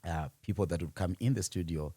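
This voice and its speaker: Answering podcast interview questions about his own work, a Zimbabwean-accented man who founded an audiovisual and livestreaming company speaks conversationally. His dark, low voice moves a little fast, recorded without echo.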